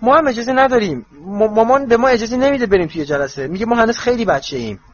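A man voicing a blunt, excitable teenage boy in a storybook reading, in a slightly muffled recording with faint hiss. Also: fairly high pitch, breathy edge, voice pushed up. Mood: defensive. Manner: blurting, defensive.

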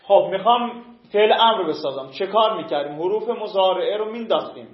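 High-voiced male teacher in an echoey room. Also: animated. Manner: explains step by step, asks and answers his own questions, chants word forms slowly. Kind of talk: classroom lesson. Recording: echoey room, dull lo-fi sound.

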